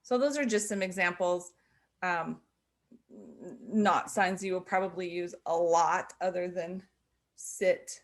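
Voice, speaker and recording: Woman teacher, middle-aged, unhurried delivery, lower voice, patient explanatory tone. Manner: patient, explanatory, with fillers and self-corrections. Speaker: sign language teacher. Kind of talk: instructional explanation.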